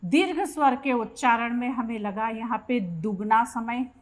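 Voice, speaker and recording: A woman's voice: fairly high pitch, measured pace. A woman teaching a Hindi grammar lesson for exam preparation, reading out each question and explaining the answer step by step.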